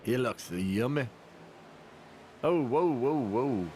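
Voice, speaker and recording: A male race commentator with a medium-pitched voice talks through the action in a loose, joking way. He breaks into sudden bursts of excitement when a pass is on. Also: slight background noise. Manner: chatty and jokey, with quick bursts of excitement. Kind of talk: casual play-by-play commentary.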